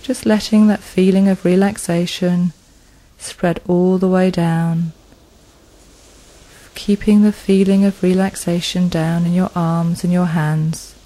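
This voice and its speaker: A woman leading a guided progressive muscle relaxation, speaking in a slow, soothing manner with long pauses. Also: on the low side, steady tone, dark tone, rough recording.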